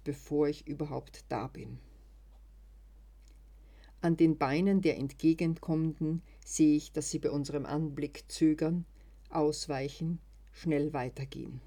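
A narrator reading a first-person short story in a calm, measured way. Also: mid-range voice.

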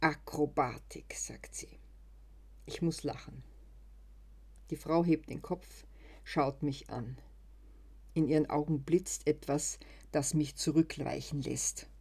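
A narrator reading a first-person short story in a calm, measured way. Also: mid-range voice, vocal fry, slightly rough.

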